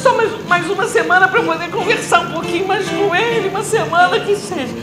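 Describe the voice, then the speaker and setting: A woman's voice: extremely high pitch, a little fast, a loud crowd. A grieving mother on stage. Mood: desperate. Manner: intense, pleading, breaking into shouts. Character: grieving mother who lost her son. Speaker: stage actress. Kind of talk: theatre monologue. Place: theatre stage. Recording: echoey theatre with loud music.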